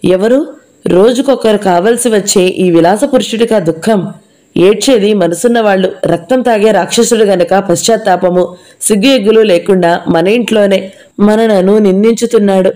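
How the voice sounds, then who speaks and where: A proud young woman spits scorn and fury at a man, played by a woman reading the story. Her words are cutting, while her tone stays warm and mellow. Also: medium pitch, moderate pace, lightly acted. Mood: scornful. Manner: scornful, sharp-tongued.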